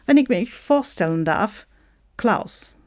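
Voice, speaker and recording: A woman's voice: medium pitch, lively intonation, slow pace, darkish tone, pitched above the performer's own voice. A woman voicing a boastful, big-bellied in a storybook reading, brash and showy. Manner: brash, showy, mixing in English phrases. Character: boastful American Santa Claus, older man with a big belly.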